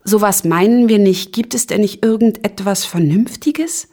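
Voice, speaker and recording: A woman's voice: medium pitch, moderate pace, darkish tone, pitched above the performer's own voice, natural voice. A woman reading a storybook and voicing a frank, friendly young boy. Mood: earnest.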